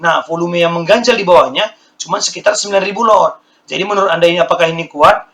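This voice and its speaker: A man with a hoarse, slightly raised voice gives a quick-paced stock market lesson over his charts. He circles back to the same figures again and again and keeps speaking to the viewers as friends. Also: high-pitched, fairly bright tone. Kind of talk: screen-share stock chart walkthrough.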